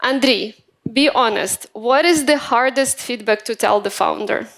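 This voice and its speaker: A woman's voice: fairly high pitch, measured pace, vocal fry, a bit bright. A woman moderating a startup demo day on stage, chatty and hesitant, with many fillers. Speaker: event host. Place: event stage in Kyiv.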